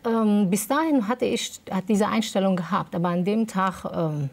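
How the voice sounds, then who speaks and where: A woman's voice: medium pitch, normal speed, vocal fry, a little mellow. A woman giving a personal testimony in an interview, hesitant and emotional, with many fillers. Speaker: interview guest.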